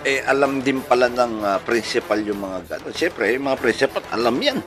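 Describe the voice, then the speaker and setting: A man with a Filipino accent hosts a radio-style channel, telling a comic story in a playful, chuckling way packed with rhetorical questions. His mid-range voice is animated and a bit bright, moving at a moderate pace over background music.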